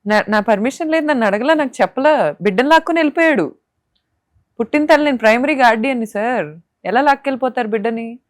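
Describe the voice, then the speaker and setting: Brimming with indignation, a young woman from Andhra Pradesh, India, poses sharp rhetorical questions as an interview guest giving emotional testimony. Her slightly high voice is expressive and quick, captured in clean studio sound without room noise.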